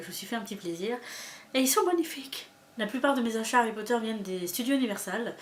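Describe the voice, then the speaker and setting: A woman's voice: medium pitch, a little hiss or hum. A young woman presenting a casual book haul video, chatty and hesitant, with frequent fillers. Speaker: booktuber. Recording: echoey room with faint ambience.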